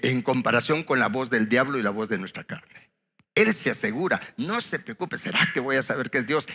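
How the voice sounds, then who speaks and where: A man's voice: mid-range voice, sharp tone. A male pastor, preaching in a conversational, storytelling way and acting out quoted conversations. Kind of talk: sermon. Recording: long hall reverb.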